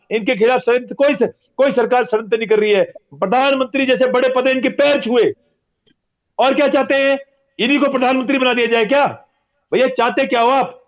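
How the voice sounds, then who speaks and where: High-pitched guy ranting hard in an interview, keeps repeating himself, muffled audio. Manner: forceful, repetitive, accusatory. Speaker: religious guest. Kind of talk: heated interview answer. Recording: dull lo-fi audio.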